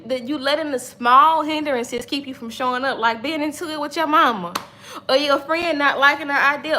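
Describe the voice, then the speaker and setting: A woman in her thirties hosts a livestream, her high voice sharp-toned over slight background noise. She delivers a faith-based motivational talk, preachy and emphatic, repeating her points and chatting with viewers.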